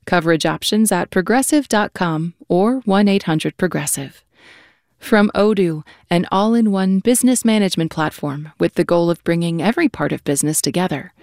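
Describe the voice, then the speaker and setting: Lady reading sponsor lines on the radio, crisp, dry booth. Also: lowish voice, moderate pace, darkish tone, no echo. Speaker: sponsor announcer. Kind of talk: scripted announcements.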